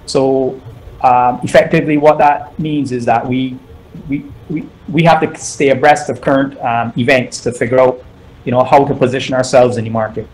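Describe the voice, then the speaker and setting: A middle-aged man answers interview questions at a measured pace, stopping to repeat words as he thinks. His voice sits at an ordinary middle pitch. A faint hum of noise runs under the recording. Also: fairly even intonation, darkish tone, rough recording. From Barbados. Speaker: guest entrepreneur.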